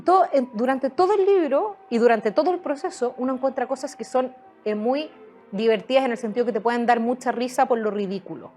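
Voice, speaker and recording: A woman's voice: fairly high pitch, fairly quick, darkish tone, faint music behind. A woman answering interview questions as a guest author, hesitating often with fillers and restarts.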